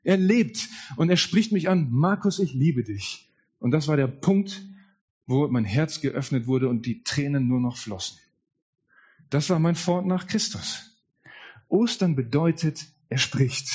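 Husky-voiced man preaching an Easter sermon. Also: on the high side, animated, a little slow, darkish tone, lo-fi sound. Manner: earnest, heartfelt preaching with quoted dialogue. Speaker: pastor. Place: church.

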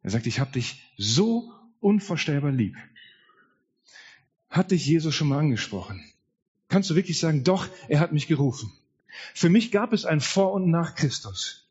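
Male pastor, fairly high husky voice, earnest sermon, slightly dull recording in a church. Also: darkish tone. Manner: earnest, heartfelt preaching with quoted dialogue. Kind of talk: Easter sermon.

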